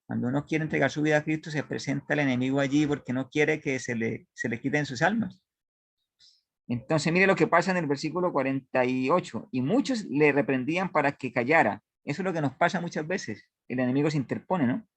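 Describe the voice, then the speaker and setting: Man, Bible study teacher with a fairly high voice, dry close sound, reads scripture and quizzes the class with halting restarts. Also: fairly bright tone, no echo.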